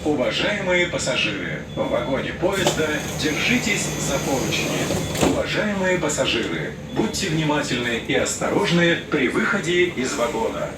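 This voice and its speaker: A man making formal, measured metro announcements, played over a train's loudspeaker inside a moving car. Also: big pitch swings. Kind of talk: recorded transit announcement. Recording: echoey loudspeaker in distant, loud train car. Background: loud rumble of the train.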